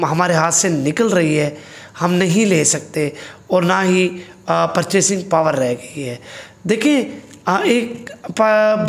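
Man, high voice, casual vlog, earnest grumbling, small indoor room. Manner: earnest, complaining, rhetorical questions. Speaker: motorcycle vlogger. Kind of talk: casual vlog monologue to camera. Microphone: fixed camera a few feet away.

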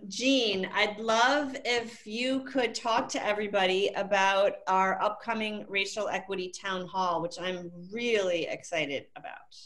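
A woman's voice: medium pitch, fairly bright tone. A woman hosting a virtual office meeting, upbeat and directive as she rallies the attendees over a video call. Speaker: meeting host.

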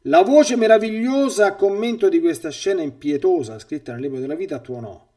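Recorded from afar, this man has a high, warm voice with lively intonation and a brisk delivery. As a priest giving an emphatic catechesis sermon, he reads out a testimony and reflects on it, frequently stammering and repeating words when he speaks off the page.

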